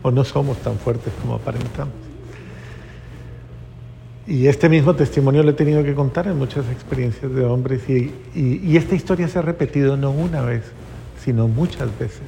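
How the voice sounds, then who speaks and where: A man's voice: medium pitch, normal speed, gravelly, dark tone. A male priest preaching a sermon around a personal story, earnest and emotional, repeating phrases for emphasis. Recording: long reverb, faint background noise.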